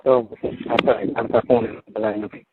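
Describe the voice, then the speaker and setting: Background noise accompanies this muffled, low-quality phone recording of a tailor shop owner. He has a Rajasthani Marwari accent, speaks in a flat way at a moderate pace, and chats casually while frequently repeating himself.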